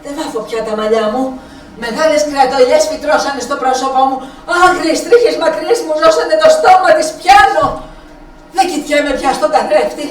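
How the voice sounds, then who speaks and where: In a small theatre space, an actress performs a live stage monologue as an aging Helen, a faded, proud woman alone who is brooding, weary and bitter. Her voice is high-pitched and close to everyday speech, recorded from far off in an echoey room.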